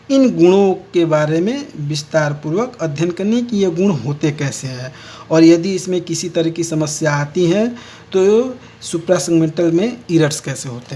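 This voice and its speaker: A man's voice: a little high, animated, normal speed, dark tone. A man teaching a lesson and explaining each point step by step. He often repeats key words and restates them. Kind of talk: lecture on speech errors.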